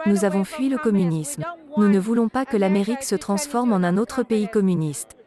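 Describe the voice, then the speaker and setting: A woman's voice: medium pitch, moderate pace. Woman protester talking firm and serious outdoors, big crowd noise. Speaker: interviewed protester. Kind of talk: street interview. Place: outdoors at a rally. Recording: loud crowd behind.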